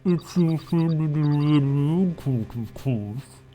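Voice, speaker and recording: A man voicing a taunting masked kidnapper on the phone, through a deep pitch-shifted voice changer, talking smugly with his mouth covered. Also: expressive, mellow. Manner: smug, slow and teasing. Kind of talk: voicing game characters on a stream. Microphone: covering his mouth while talking.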